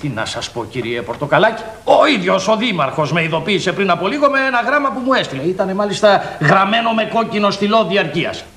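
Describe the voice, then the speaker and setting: A man's voice: high voice, big pitch swings, a bit bright, exaggerated voice. A man playing a pompous, officious master of ceremonies in a 1980s children's TV show. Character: pompous male official, self-important. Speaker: master of ceremonies character on the phone. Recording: roomy old TV recording with faint hiss.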